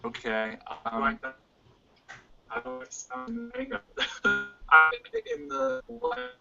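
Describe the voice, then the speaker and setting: A man talking in an online meeting from his phone, halting and hesitant with many fillers, his audio choppy and breaking up. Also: extremely high pitch, wildly swooping pitch, creaky, loud music behind the voice. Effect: choppy, breaking-up call audio. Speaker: meeting participant. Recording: dull lo-fi phone call.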